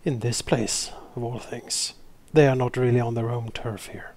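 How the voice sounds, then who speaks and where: A man's voice: medium pitch, steady tone, moderate pace, a little mellow, close to an everyday voice. A man playing a proud ancient necromancer, declaiming formally in a tabletop game. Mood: haughty, measured. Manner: stately, declamatory, formal wording.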